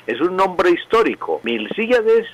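Didactic professor on radio. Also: male voice, medium pitch, animated, a bit bright, poor audio. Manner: didactic, slowly spelling out pronunciation. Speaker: language professor. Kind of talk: radio language segment.

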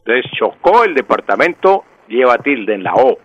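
A man answers listeners' spelling questions on air and walks through each rule patiently, often repeating it. His voice sits at a middle pitch. The broadcast sound is dry and slightly dull. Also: big pitch swings, vocal fry, dry recording. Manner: measured, explanatory, repeats key points. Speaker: language expert on a radio show. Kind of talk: radio Q&A on spelling.

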